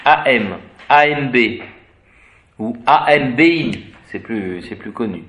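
Man, slow deliberate etymology teacher, spells words letter by letter, halting and musing. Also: mid-range voice, expressive, a bit bright, muffled recording. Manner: hesitant, searches for words with fillers. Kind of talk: unscripted etymology lecture.

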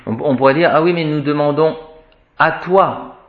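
A man teaching Latin grammar to a class, chanting declensions and explaining word by word. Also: fairly high pitch. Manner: chants declensions, slow and deliberate. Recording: echoey room, dull lo-fi sound.

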